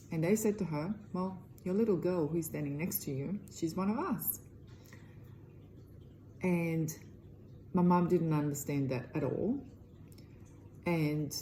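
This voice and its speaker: Low-voiced woman with a Croatian accent. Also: mellow, a little hiss or hum, low-quality recording. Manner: earnest, loosely phrased second-language English. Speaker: energy healer. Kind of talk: direct-to-camera self-promotion.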